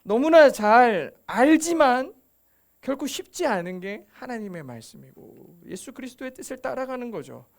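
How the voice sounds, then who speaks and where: A man's voice: very high voice, very animated, moderate pace. A male pastor giving a conversational sermon, asking rhetorical questions and acting out quoted voices.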